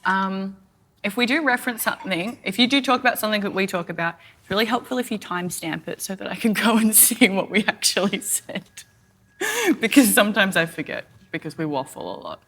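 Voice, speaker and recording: A woman's voice: medium pitch, lively intonation, a little fast, fairly bright tone. Broad Australian woman, casual podcast banter. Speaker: podcast co-host.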